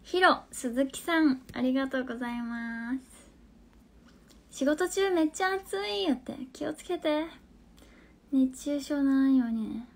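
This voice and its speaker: Twenties woman w/ hakata accent, a bit high voice, chatting on a phone live stream, reads comments out + answers, soft whispery asides sometimes. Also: expressive, unhurried, gravelly. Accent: Hakata dialect of Fukuoka. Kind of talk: casual live-stream chat.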